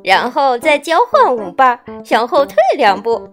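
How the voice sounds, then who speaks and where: A woman voicing an excitable, loud male gryphon in a children's storybook reading. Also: on the high side, measured pace, soft background music. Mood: excited. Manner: loud and eager.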